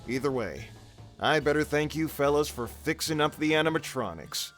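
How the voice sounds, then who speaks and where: A man voicing a calm, quietly knowing pizzeria owner in a fan animation, with an understated manner. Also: a little high, moderate pace, soft background music.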